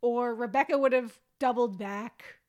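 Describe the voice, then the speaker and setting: A woman's voice: fairly high pitch, unhurried, darkish tone, lo-fi sound. A woman co-hosting a podcast in a casual, conversational style. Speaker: podcast co-host.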